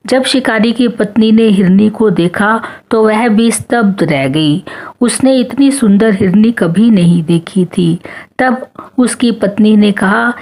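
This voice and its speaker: A woman narrates a storybook folk tale in a slow, gentle read-aloud style. The delivery is unhurried and steady throughout. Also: mid-range voice.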